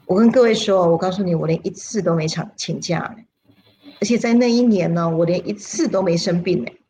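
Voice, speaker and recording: A woman, a spiritual teacher telling a personal story on a livestream in an animated, dramatic way, her voice leaping up at exciting moments. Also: a little fast, slight background noise. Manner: animated, dramatic storyteller with sudden pitch leaps.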